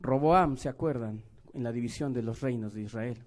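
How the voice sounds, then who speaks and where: A man with a Mexican accent preaching a sermon, moving between loud emphatic lines and quiet asides, acting out little dialogues. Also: mid-range voice, normal speed. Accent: Mexican Spanish.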